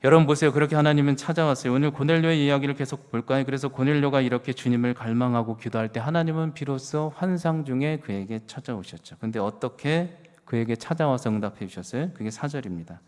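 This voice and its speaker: A middle-aged man preaching a sermon as pastor, telling stories with swings from hushed words to loud exclamations. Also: mid-range voice, fast talker, smooth. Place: church sanctuary. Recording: reverberant church hall.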